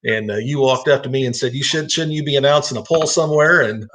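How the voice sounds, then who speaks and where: A man's voice: medium pitch, fast talker, a bit bright. An American man, a tractor pull announcer, hosting a casual talk show in conversation. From East Central Illinois, United States.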